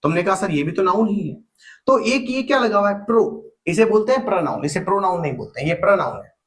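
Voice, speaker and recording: A man's voice: high-pitched, animated, quick pace, roomy sound, low-quality recording. A man teaching English grammar in a classroom lecture, drilling phrases over and over and firing rhetorical questions at his students. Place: room with a digital board.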